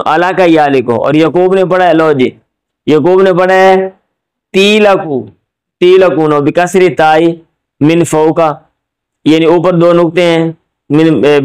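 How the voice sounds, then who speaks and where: Middle-aged Punjabi-male lecturer, patient and explanatory, clear resonant voice, slightly raised pitch. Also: darkish tone. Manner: explains step by step, checks with "ٹھیک ہے؟"; switches into Punjabi for jokes. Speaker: teacher. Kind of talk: classroom lecture on Arabic Quran commentary.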